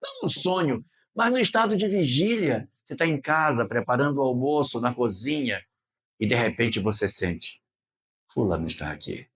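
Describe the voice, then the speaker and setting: A man's voice: medium pitch, animated, normal speed, a bit bright, husky. A man with a Brazilian accent giving a religious lecture and telling stories expressively, repeating phrases for emphasis. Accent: Brazilian Portuguese. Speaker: spiritist lecturer.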